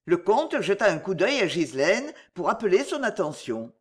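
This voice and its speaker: A narrator reading a novel aloud with an expressive storytelling delivery. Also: medium pitch, normal speed, husky.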